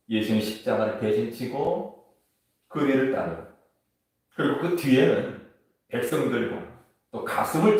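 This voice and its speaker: A man preaches a sermon in a measured, steady way, reading scripture aloud between points. His voice comes from far back in a church sanctuary with heavy echo. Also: mid-range voice. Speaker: pastor. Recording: echoey church hall, voice from far off.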